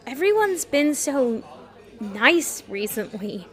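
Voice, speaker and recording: A woman's voice: high-pitched, very animated, takes it slowly, heavily acted. A woman playing a flustered young heroine. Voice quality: giggly, flustered. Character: nervous young woman hero, secretly scheming. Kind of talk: audio drama acting.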